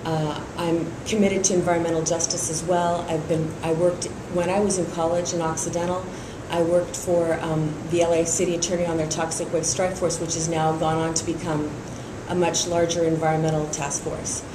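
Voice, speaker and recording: Here the district attorney candidate, a middle-aged woman from Iran who was raised in San Francisco, speaks steadily at a normal speed with few pauses, her lowish voice showing little pitch movement. She uses frequent fillers during the endorsement interview. The room is echoey and the background noisy.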